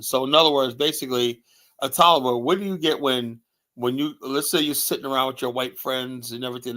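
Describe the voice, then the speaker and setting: A man giving heated political commentary as a streamer host, blunt and repetitive, filling pauses with "you know" and mocking others by quoting them in put-on voices. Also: medium pitch, pushed and bright.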